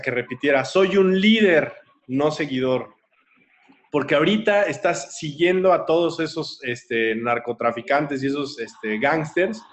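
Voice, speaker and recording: A man telling a motivational story, animated, with many fillers and restarts. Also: medium pitch. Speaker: motivational speaker.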